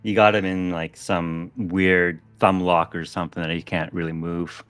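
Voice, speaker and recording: A man running a tabletop game as game master, narrating events and ruling on checks in a relaxed way. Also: deep voice, normal speed, clear, resonant tone, faint music behind.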